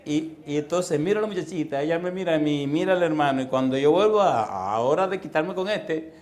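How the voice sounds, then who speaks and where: A middle-aged man preaching a sermon in a church, telling comic stories with sudden loud bursts and sound effects and putting questions straight to the congregation. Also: fairly high pitch, brisk. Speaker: pastor. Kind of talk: sermon with comic personal anecdotes.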